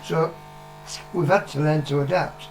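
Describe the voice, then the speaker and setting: Speaking at a measured pace with a steady tone, the vlogger's older British father gives his opinions plainly and bluntly, swearing and repeating himself to drive points home. His voice is on the high side but darkish, with soft music behind it and poor audio.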